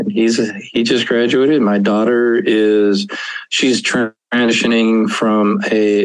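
A fairly low-pitched man in his fifties, an author guest, speaks earnestly and chuckles often during a conversational interview. The recording is dry and of poor quality.

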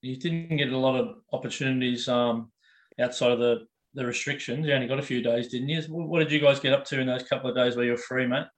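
A man's voice: medium pitch, steady tone, fast. A man with an Australian accent co-hosting a sports podcast, chatting and interviewing in a laid-back, blokey, matey way like an Aussie tradesman. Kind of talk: casual sports radio chat.

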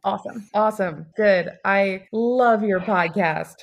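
A woman's voice: medium pitch, a little slow, gravelly, dull audio. A woman talking casually as a guest author in a podcast interview.

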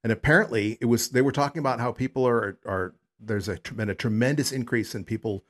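A man hosting a solo podcast, talking in a rambling, chatty way with lots of fillers. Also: quick pace. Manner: rambling and chatty, many fillers, pitch jumps up on greetings. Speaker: podcast host.

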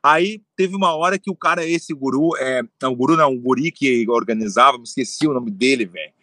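Guy spinning a story, bright voice, dry close sound. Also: medium pitch, fairly quick, no room sound. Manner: animated, swearing, acts out quotes. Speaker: storyteller guest. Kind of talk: casual storytelling chat.

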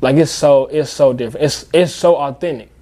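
A man's voice: mid-range voice, fairly quick, warm tone. A man in his twenties from the United States chatting casually, slangy, profane, emphatic and repetitive. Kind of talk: casual profane group chat.

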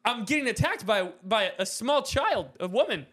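Animated young man telling a story. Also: high voice, moderate pace. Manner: animated storyteller, acts out voices and shouts in quotes. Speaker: podcast co-host. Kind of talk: casual chat.

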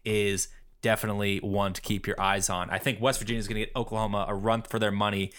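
A man co-hosting a casual sports podcast, excitable, laughing a lot and saying "like" often. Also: fairly low pitch, quick pace. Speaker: podcast co-host.

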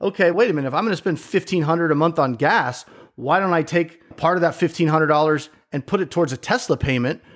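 A man's voice: on the high side, brisk, few pauses, a bit bright. A middle-aged man in a casual chat who tells stories with energy, acts out other people's reactions and swears casually.

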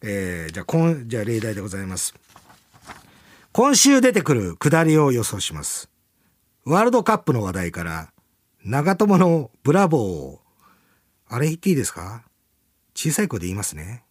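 A man's voice: medium pitch, wildly swooping pitch, a little fast, pauses often. A man hosting a radio after-talk, chatting casually and rambling with laughs between lines. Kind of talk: casual chat.

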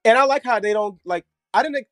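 A man's voice: very high voice, fairly quick, a bit bright, dry recording, studio quality. A man hosting a casual podcast, bantering in a sassy, campy, teasing way with drag slang. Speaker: podcast host. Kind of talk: casual reality-show banter.

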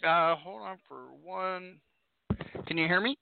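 A man's voice: sits high, vocal fry, smooth, dry recording. Man's phone voice cutting in and out. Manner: casual, halting questions. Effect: voice cutting in and out over a bad phone line. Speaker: interviewer. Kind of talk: phone interview. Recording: tinny dry phone line.

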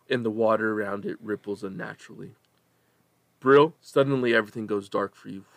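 A man narrating a tabletop role-playing game as game master, telling the scene dramatically with pauses between phrases. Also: on the low side, fairly bright tone, no room sound.

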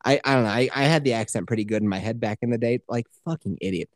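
A woman's voice: very deep voice, racing, no room sound, clean studio sound. A woman telling a funny story in a casual chat, mocking herself and laughing often.

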